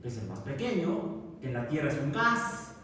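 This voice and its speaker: A man's voice: mid-range voice, sing-song, normal speed, sharp tone. A male science professor giving a classroom lecture, stopping often to put questions to his students. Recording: echoey classroom from far off, noisy.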